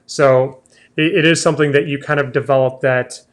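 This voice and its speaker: A man's voice: medium pitch, fairly even intonation, fairly quick. A man hosting a casual travel chat, talking in a chatty way and restarting his sentences often. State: has the hiccups. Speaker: travel show host.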